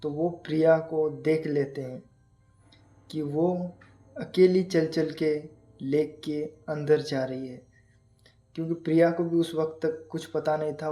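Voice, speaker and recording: A man casually telling a horror story and speaking straight to his listeners. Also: on the high side. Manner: addresses listeners directly, even and unhurried. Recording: echoey room with faint music.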